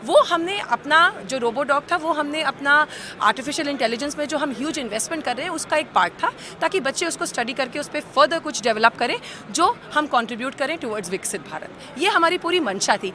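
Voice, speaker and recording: A woman representing a university, explaining herself to reporters in a measured way, mixing in English terms. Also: sits high, expressive, pushed and bright. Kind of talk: press statement to reporters.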